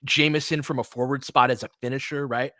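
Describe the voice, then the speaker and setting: This Californian host and play-by-play commentator chats casually about basketball and responds to listeners in an American accent. He speaks fairly quickly with fairly even intonation, his medium voice bright and forceful. The studio-quality recording has no room sound, and his analytical musings often stop and start over.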